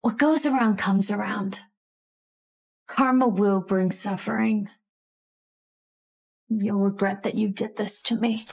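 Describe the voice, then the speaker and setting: An actress playing a haughty, spiteful young woman with a creaky, husky voice in a melodrama. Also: medium pitch, fairly even intonation, slow pace, long pauses, full character voice. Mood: menacing. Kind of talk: melodramatic short-form drama acting.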